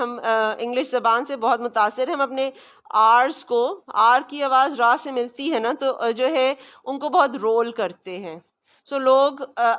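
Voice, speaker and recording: A woman with a Pakistani Urdu accent teaching Quran recitation, explaining pronunciation rules and then modeling each sound slowly for students to copy. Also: a little high, a bit bright. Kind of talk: recorded tajweed lesson.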